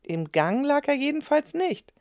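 Female reader as brisk little girl, high, a bit impatient. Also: big pitch swings, a little mellow, no echo, studio quality, full character voice. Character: young girl, bossy and practical. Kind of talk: storybook reading.

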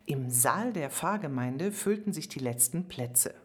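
A woman reading a children's story aloud in a calm, expressive manner. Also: deep voice, unhurried. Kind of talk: scripted children's story narration.

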